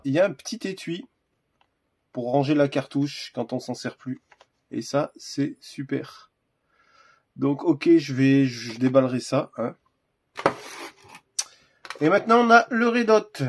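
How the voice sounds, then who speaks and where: A man's voice: fairly high pitch, unhurried, long pauses, husky. A man hosting a casual unboxing video, talking hesitantly with lots of fillers and restarts. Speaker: gun accessory reviewer.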